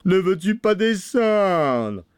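Storybook villain: a merciless nobleman voiced by a man, slow, loud and threatening, raised pitch, dry sound. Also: animated, clean tone, no room sound. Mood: menacing. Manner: slow, loud, menacing shouting. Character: cruel, merciless nobleman with a blue beard. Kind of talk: storybook reading.

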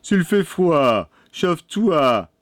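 A man's voice: a little high, very animated, very slow, no echo, voice pushed up, exaggerated voice. A man voicing a clever, bold youngest brother who speaks firmly and defiantly in a storybook reading. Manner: firm, defiant. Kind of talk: storybook read-aloud.

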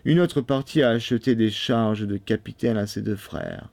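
A man narrating a fairy tale for children in an expressive storybook reading. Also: fairly low pitch, moderate pace, gravelly, dry recording. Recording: dry studio sound.

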